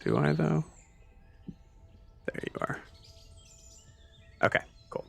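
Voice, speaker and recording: A man narrating as game master of an online tabletop game, halting, with many fillers. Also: fairly bright tone, faint music behind.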